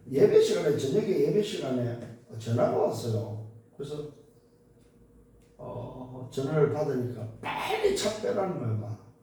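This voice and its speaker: A man's voice: mid-range voice, mellow, recorded from a distance. Man preaching in an echoey hall. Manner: emphatic preaching with call-and-response questions; tells anecdotes in a conversational preaching tone. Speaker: pastor. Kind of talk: sermon. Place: church sanctuary. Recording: very echoey church hall, voice from afar, faint noise.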